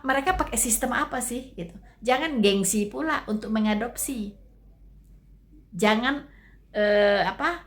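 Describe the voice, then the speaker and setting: A woman giving casual commentary to her viewers, chatty and full of trailing fillers. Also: on the high side. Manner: chatty, addresses listeners as friends, trailing fillers.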